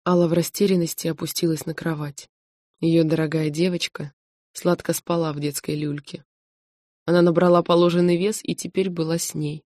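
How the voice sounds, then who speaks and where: Woman narrating an audiobook, lower voice. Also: flat delivery, moderate pace, dark tone, no echo, clean studio sound. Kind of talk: scripted narration.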